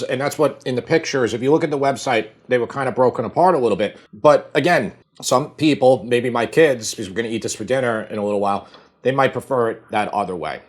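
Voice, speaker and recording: A middle-aged man with a Long Island accent, showing a recipe in his home kitchen in a relaxed, chatty way full of fillers. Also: mid-range voice. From Long Island, New York. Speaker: cooking show host. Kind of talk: casual cooking demonstration.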